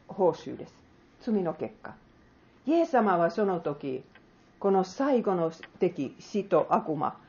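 A woman with a lowish voice preaches earnestly, often asking questions of her listeners. Her pitch rises and falls in a lively way. The recording sounds dull and lo-fi. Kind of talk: sermon with closing prayer.

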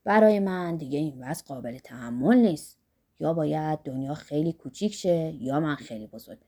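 A woman doing a deep, blunt old workman. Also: lively intonation, dark tone, slightly rough, heavily acted. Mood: boisterous. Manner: lusty, blunt, philosophizing. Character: earthy boisterous older Greek workman, man.

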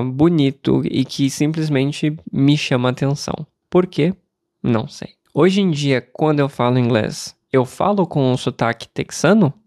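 A Brazilian man teaching Portuguese on a podcast, explaining calmly and asking and answering his own questions. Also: medium pitch, no echo, clean studio sound. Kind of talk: podcast lesson for learners.

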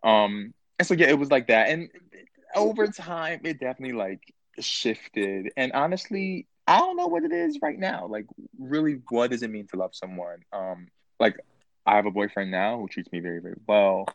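A man in his twenties, a podcast guest chatting casually, playful and animated, jumping high in pitch for emphasis. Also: moderate pace, dry recording. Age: 20s. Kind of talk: casual chat.

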